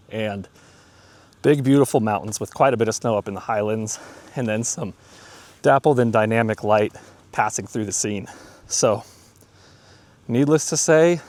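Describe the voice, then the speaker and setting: A man's voice: fairly low pitch, a little mellow. Enthusiastic man vlogging outdoors. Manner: enthusiastic, casual, talks while shooting. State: out of breath. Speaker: landscape photographer. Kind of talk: outdoor vlog narration. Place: outdoors in a mountain forest.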